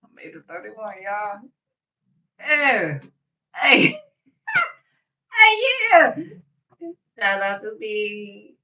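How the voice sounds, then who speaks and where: This livestream host is a woman in her early thirties from the American Midwest, delivering a rambling, blunt, profane late-night rant. Her light, medium-pitched voice swings widely in pitch, and she speaks very slowly with long pauses; the highs are cut off.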